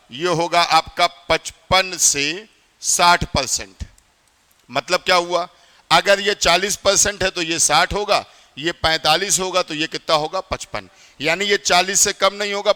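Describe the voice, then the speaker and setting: A man with a high, bright voice lectures a classroom in north Indian Hindi, chatty and quick to quiz his students. His voice rings with the long reverb of a hall. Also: clear, resonant tone. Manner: chatty, quizzes students often. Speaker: teacher.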